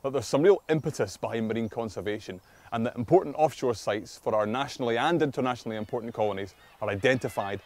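A man's voice: medium pitch, fast, few pauses. A man in his thirties giving a prepared, explanatory conservation statement to camera. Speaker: conservation spokesman. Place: open meadow, outdoors.

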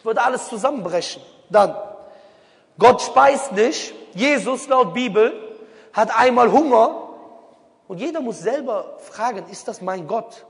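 High-voiced male preacher, reverberant. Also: animated, measured pace. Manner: rhetorical, keeps asking questions. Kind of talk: public religious talk to a crowd. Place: on a stage.

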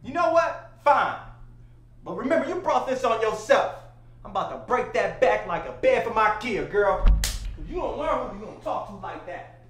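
A man acting a cocky young boyfriend in a comedy sketch, boastful with loud theatrical outbursts. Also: high-pitched, sing-song, brisk. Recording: echoey room with faint noise.

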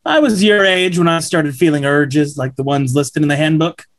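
This man in his thirties, at a home video-call table read, lightly acts the part of a slick, upbeat corporate rep addressing schoolboys. He sounds earnest and persuasive, his voice a little high and his pace moderate.

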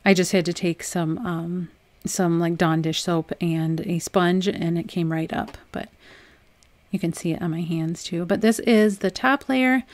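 A woman's voice: lowish voice, a little slow, no echo. Chatty woman narrating a craft tutorial. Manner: chatty, relaxed, frequent "um" and light laughs. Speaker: DIY crafts channel host. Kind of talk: casual voice-over tutorial.

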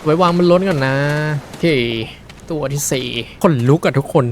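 Excitable man commentating a game. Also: fairly high pitch, moderate pace, a little hiss or hum. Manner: excitable, chatty, reacting loudly to the game. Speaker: gaming streamer.

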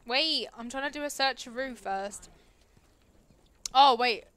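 A woman's voice: high voice, unhurried, a bit bright, clear, resonant tone. A young British woman chatting playfully through a game livestream, muttering reactions and joking with viewers. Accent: British English. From England. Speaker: livestreaming gamer. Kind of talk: casual let's-play commentary.

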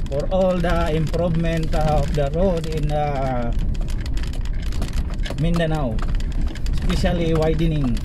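A Filipino man chatting casually to his viewers while he drives along rural roads, mixing English and Tagalog and calling them "guys". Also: on the high side. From Philippines. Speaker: vlogger. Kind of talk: casual driving vlog commentary. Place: inside a pickup truck on rural roads. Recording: engine and road noise.

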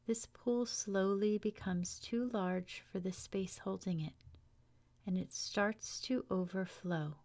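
A woman guides a relaxation meditation in a soft, fairly low voice. She speaks very slowly and soothingly, with long pauses, and her phrases often trail into a breathy hush. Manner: slow, soothing, hushed delivery with long pauses. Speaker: yoga teacher guiding meditation.

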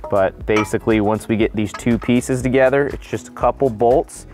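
A man's voice: medium pitch, normal speed. Upbeat man hosting an outdoor boat vlog. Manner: upbeat, relaxed explaining to viewers. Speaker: channel host. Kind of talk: casual how-to vlog. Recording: faint music underneath.

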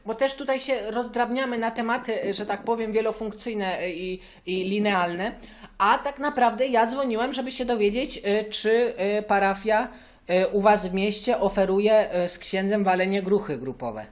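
A man doing a high-voiced ranting young zealot. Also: normal speed, natural voice. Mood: indignant. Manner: ranting, keeps repeating a stock phrase of address. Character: zealous young male churchgoer, hot-tempered and ranting. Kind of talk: prank phone call.

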